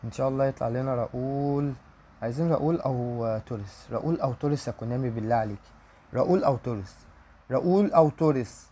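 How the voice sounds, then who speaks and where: Excitable Egyptian man opening game packs. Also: medium pitch, rapid-fire, slight background noise. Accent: Egyptian Arabic. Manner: pleading and excited, repeating wishes aloud. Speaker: gaming YouTuber. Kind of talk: pack-opening commentary.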